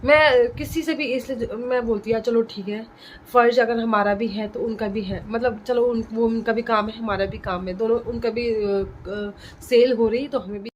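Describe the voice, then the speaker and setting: Indignant woman vlogging, pitched a bit high. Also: fairly even intonation, moderate pace, muffled recording, a little hiss or hum. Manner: indignant, heated storytelling. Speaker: vlogger and parent. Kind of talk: casual vlog monologue.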